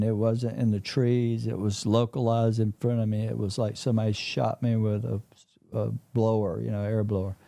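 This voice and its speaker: A man telling a personal story in an interview, in a halting, plain-spoken way that repeats words. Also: medium pitch, gravelly, dark tone. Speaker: interview guest.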